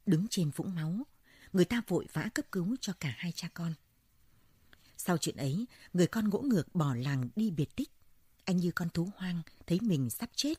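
A woman narrating a folk story in a measured, dramatic way. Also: fairly low pitch, dark tone, husky, dry recording, clean studio sound.

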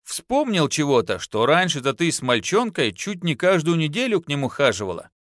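Man playing a boastful young husband, easygoing, folksy, lively voice, audiobook. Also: on the high side, normal speed, no room sound, clean studio sound, voice pushed up. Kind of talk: audiobook narration.

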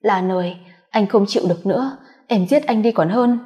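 A woman's voice: medium pitch, a little fast, darkish tone, natural voice. A woman voicing an injured, remorseful young husband who begs tearfully. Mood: pleading. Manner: begging, tearful.

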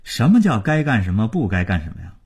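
Proud young cleaner, read by a man: wry, offhand, raspy. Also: on the low side, very animated, fast talker, darkish tone.

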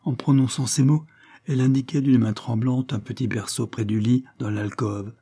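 A man reading a classic novel aloud as narrator, in a measured, even manner. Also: mid-range voice, slightly rough. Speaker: audiobook narrator. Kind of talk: scripted narration of a 19th-century novel.

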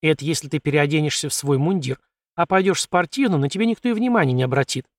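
Brisk young woman in an audiobook, voiced by a male narrator; coaxing, in a dry, close sound. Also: a little high, expressive, dry recording, lightly acted. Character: lively bold young woman, court lady-in-waiting.

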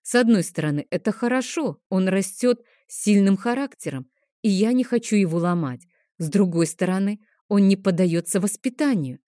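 A woman narrating a first-person audiobook in a gentle, expressive storytelling manner. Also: mid-range voice, moderate pace, dry recording, studio quality.

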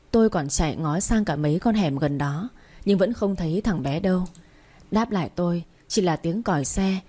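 Woman narrating in a low, mellow voice. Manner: emotional, earnest storytelling. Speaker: audiobook narrator. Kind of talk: first-person story narration.

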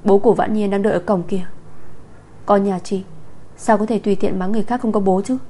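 A woman reading a story aloud, voicing a calm, firm young mother. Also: medium pitch, brisk, close to an everyday voice.

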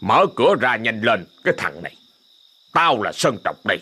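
A stern exorcist barks orders brusquely, as a male narrator voices him. The husky voice swings widely in pitch while he scolds through an audio ghost story. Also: big pitch swings, moderate pace, pushed and bright, exaggerated voice. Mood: scolding.

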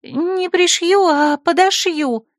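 A spoiled young secretary, squeaky and whiny, her voice pitched high and close to tears, as a woman narrator puts her on. The sound is dry and close, with no room around it. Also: slow pace, no room sound.

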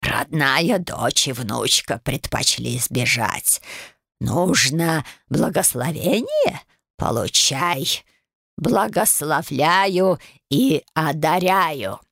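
A woman voicing a grumpy old woman's ghost who scolds her relatives with slow, rasping scorn. The voice sounds dry and close. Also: low-pitched, very animated, fairly bright tone, no room sound, exaggerated voice. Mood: mocking.

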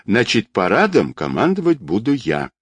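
A man doing a lively, headstrong young woman. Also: fairly low pitch, moderate pace, breathy edge, no room sound, pitched above the performer's own voice, exaggerated voice. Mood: insistent. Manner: cheerful, insistent.

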